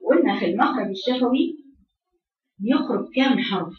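A woman's voice: on the high side, expressive, fairly quick. A woman with an Egyptian accent teaching a class, quizzing students and demonstrating letter sounds. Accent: Egyptian Arabic. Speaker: Quran recitation teacher. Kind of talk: classroom lesson. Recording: echoey room, distant muffled mic.

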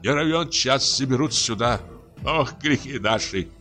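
A man's voice: medium pitch, animated, a little slow, pushed and bright, voice pushed up. Guy doing a scared churchy old forester, whiny and sighing, voice jumping around, faint music behind. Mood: fearful. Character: pious frightened male forest warden.

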